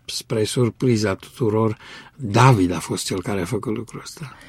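Gravelly, husky man interpreting a testimony. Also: on the low side, no echo. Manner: earnest, follows each phrase closely, some hesitations.

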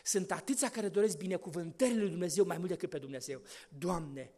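A man preaching a sermon, dropping to hushed whispers and rising to loud exhortation. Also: sits high, lively intonation.

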